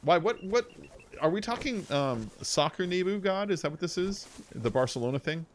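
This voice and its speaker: A man's voice: high voice, lively intonation, moderate pace, slight background noise. A man in his forties who streams games, chatting casually in a rambling, jokey way and laughing often. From United States. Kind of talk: casual chat while gaming.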